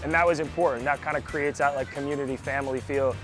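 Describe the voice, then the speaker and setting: A man's voice: medium pitch, steady tone, quick pace, a bit bright, soft background music. A man who co-founded a restaurant, talking in a wry, self-deprecating casual interview.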